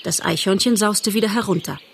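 A woman reading a classic animal novel aloud as an audiobook narrator, measured and even. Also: mid-range voice, creaky, a little hiss or hum.

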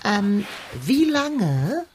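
A woman's voice: medium pitch, sing-song, drawn-out words, a little mellow, slight background noise. A woman voicing a pompous, plump male sidekick who is always hungry, speaking in grand, old-fashioned phrases in a children's radio play. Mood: curious.

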